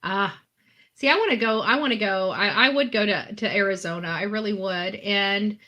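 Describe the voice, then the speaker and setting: A woman with a mid-range, bright voice speaks at normal speed in a forceful tone, and the audio sounds dull. As a guest panelist on a true-crime stream, she gives casual, opinionated takes bluntly and emphatically, swearing and repeating herself for force.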